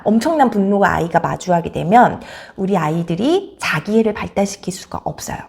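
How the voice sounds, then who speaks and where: A woman giving a parenting lecture, explaining calmly and acting out examples vividly. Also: medium pitch. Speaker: parenting expert.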